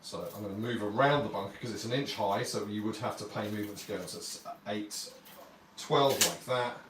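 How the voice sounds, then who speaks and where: A man's voice: fairly low pitch, a little fast. A man streaming a tabletop wargame from home, chatting to viewers and explaining the rules as he plays. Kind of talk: casual live-stream game commentary. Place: warm home apartment, indoors. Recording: roomy sound, distant mic, faint noise.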